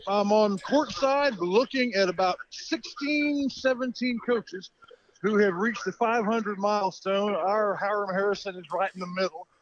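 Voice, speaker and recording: High-voiced male sports reporter, phone speaker, muffled and noisy line, flustered and rambling. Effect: heard over a phone speaker. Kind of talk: live phone report from courtside.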